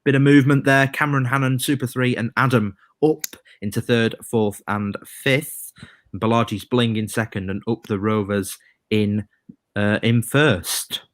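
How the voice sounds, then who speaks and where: A man hosting a live quiz stream, reading rhyming clues slowly and chatting between questions. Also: medium pitch, fairly even intonation, no echo, studio quality. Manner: reads quiz rhymes slowly, chatty asides. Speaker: quiz host.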